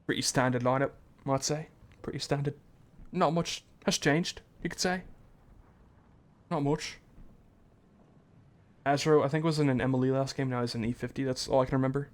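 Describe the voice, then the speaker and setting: A man's voice: mid-range voice, fairly even intonation, normal speed, long pauses. A young man giving casual, rambling play-by-play commentary on a tank game match, often correcting himself. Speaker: caster.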